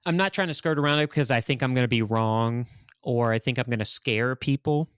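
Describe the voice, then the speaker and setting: A man's voice: medium pitch, brisk, smooth, no echo, clean studio sound. A man from Louisiana hosting a conversational analysis show, explaining carefully and correcting himself as he goes. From Louisiana, United States. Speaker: podcast host and analyst.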